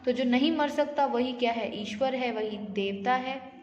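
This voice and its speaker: A woman's voice: a little high, unhurried. A woman teaching a grammar lesson, asking her students questions and then answering them herself, with English words mixed in. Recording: echoey room, slightly dull audio.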